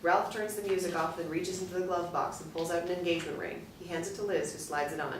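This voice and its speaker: A woman reading a screenplay's stage directions aloud in a measured, matter-of-fact way. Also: fairly low pitch, steady tone. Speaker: narrator. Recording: roomy, distant from the mic, faint noise.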